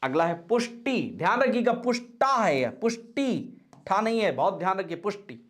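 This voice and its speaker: A man teaching spelling for exams, repeating each word slowly and stressing key syllables, with frequent reminders to pay attention. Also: sits high. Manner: animated, coaching tone with frequent reminders. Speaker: Hindi grammar teacher. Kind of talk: exam-prep spelling lesson.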